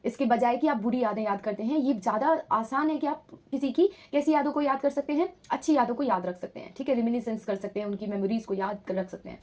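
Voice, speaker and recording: Woman, high voice, teaching vocabulary patiently, repeats points and checks in with learners. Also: fairly even intonation, fast, hardly any pauses, a little mellow. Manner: patient, repetitive explaining, checks understanding often. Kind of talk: bilingual vocabulary lesson.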